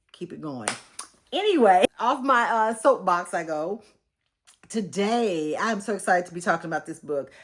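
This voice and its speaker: Chatty Texan woman in her fifties. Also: on the low side. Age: 50s. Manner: chatty and rambling, calls viewers "y'all", many fillers. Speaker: book reviewer and author. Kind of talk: casual book-review vlog.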